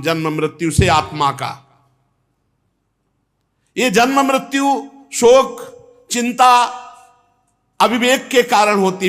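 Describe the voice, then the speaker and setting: A man giving a devotional discourse, telling a scripture story with sudden rises and drops in pitch. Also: fairly bright tone. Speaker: spiritual preacher.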